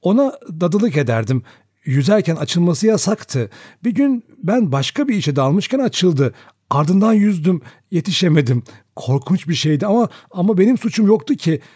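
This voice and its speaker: A man's voice: sits high, very animated, moderate pace, darkish tone, breathy edge, dry recording, studio quality, voice pushed up, heavily acted. A man doing a trembling nervous young woman. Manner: trembling, hesitant. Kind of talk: audiobook character voice.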